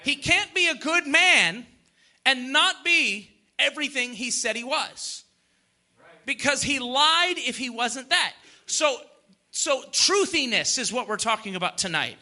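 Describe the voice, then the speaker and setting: A man's voice: extremely high pitch, lively intonation, measured pace, sharp tone. A man preaching a sermon in a conversational way, full of emphatic rhetorical questions and repeated phrases.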